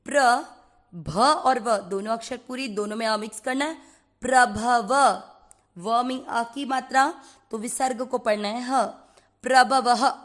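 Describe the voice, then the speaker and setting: Slow, careful woman teaching Sanskrit recitation. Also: on the high side, a bit bright. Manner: slow, careful, repeats each syllable and chants the verse lines. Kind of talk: syllable-by-syllable pronunciation lesson.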